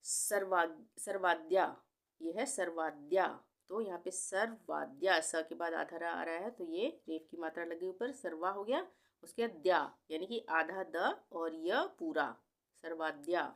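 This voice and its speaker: Patient, slow-spelling Hindi teacher woman. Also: on the low side. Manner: patient, repeats each name slowly and syllable by syllable; mixes in a few English words. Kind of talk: spelling lesson on a video channel.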